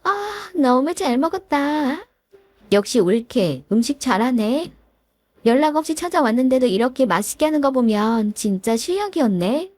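A woman's voice: high voice, very animated, moderate pace, a little mellow, no room sound, voice pushed up. A woman voicing a pushy, presumptuous older sister-in-law who talks down to her family. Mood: bossy.

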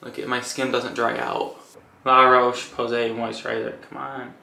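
Young guy, casual vlogger, bright voice, filler-heavy chatter, near camera. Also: medium pitch, level tone, normal speed, gravelly. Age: young adult. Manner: chatty and rambling, lots of "like". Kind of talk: casual vlog chat to camera. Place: home bathroom and bedroom, also car.

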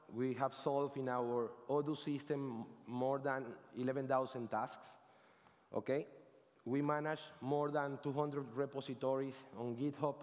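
A man's voice: medium pitch, a little mellow. Venezuelan man speaking in a reverberant hall. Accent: Venezuelan Spanish. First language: Spanish. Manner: casual, rambling, frequent self-corrections and "right?" tags. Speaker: conference speaker. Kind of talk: conference talk. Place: large conference stage. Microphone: headset.

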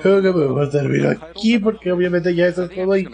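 A man streaming his live reaction, exclaiming and shouting in short bursts, out of breath. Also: high-pitched, a little fast, vocal fry. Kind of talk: excited live reaction commentary.

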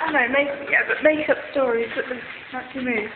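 A woman's voice: sits high, steady tone, brisk. Chatty teenage girl on tinny audio. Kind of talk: casual chat. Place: outdoors by a museum. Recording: tinny phone audio with loud background noise.

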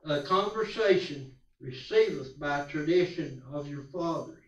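A man preaching at a pulpit microphone, reading scripture slowly and deliberately with small stumbles. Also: fairly high pitch, animated, lo-fi sound. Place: church sanctuary. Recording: roomy church sound from a distance.

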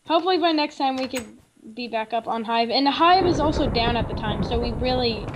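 High, playful woman gamer on a noisy mic. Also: animated, a little fast, highs cut off. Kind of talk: casual gaming chat.

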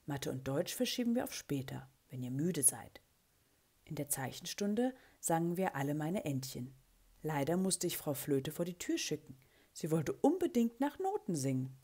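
A woman reading a children's story aloud, with a breathy voice and an expressive way of giving the characters their lines. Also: low voice. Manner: expressive, lively character voicing in quotes. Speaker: children's book reader.

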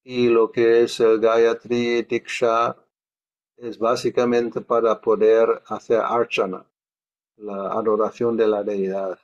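A man's voice: lowish voice, level tone, takes it slowly, dull audio. A man teaching a study class in a conversational way, thinking aloud and questioning as he goes.

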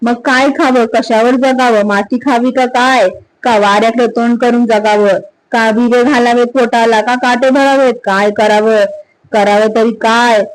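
A woman's voice: a little high, steady tone, measured pace, close to an everyday voice, low-quality recording. A woman voicing an angry middle-aged farmer who scolds in rustic village speech. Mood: anguished.

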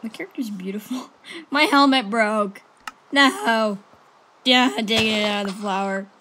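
A woman giving casual, excitable commentary while she plays a game, reacting with yelps and gasps. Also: fairly high pitch, takes it slowly. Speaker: gaming channel host. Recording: noisy home recording with mouse clicks.

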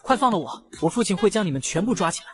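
A petulant, spoiled young noble, as a man puts him on, whining and demanding in a lively, swooping voice. It is acted in a comic recap style. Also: high-pitched, racing. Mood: whiny. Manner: whiny, petulant. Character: spoiled whiny noble boy.

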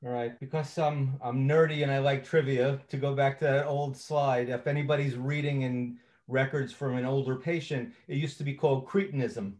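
A man's voice: medium pitch, steady tone, moderate pace, hardly any pauses, a little mellow. Male presenter, conversational training lecture, filler-heavy delivery. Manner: conversational, frequent uh fillers and self-corrections.

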